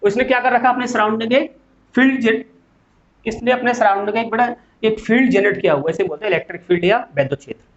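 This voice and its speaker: A man's voice: high voice, quick pace. A man gives a classroom physics lecture, often asking a question and answering it himself. The recording is dull and lo-fi. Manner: asks and answers his own questions, calls students "beta". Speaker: physics teacher. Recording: dull lo-fi sound.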